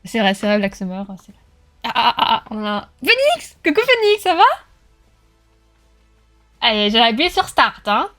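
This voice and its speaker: A woman with a high voice hosts a livestream from home, joking with viewers and cheering the racers on. Faint game music plays beneath her. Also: lively intonation, moderate pace, pauses often, bright, forceful tone. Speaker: streamer. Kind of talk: live-stream chat with viewers while racing.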